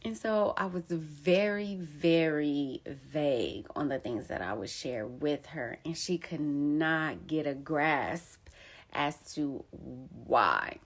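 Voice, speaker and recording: With a lowish voice and noticeable vocal fry, a young woman who is a poet and storyteller opens up about a betrayal she lived through. Her telling is candid, emphatic, casual and full of slang.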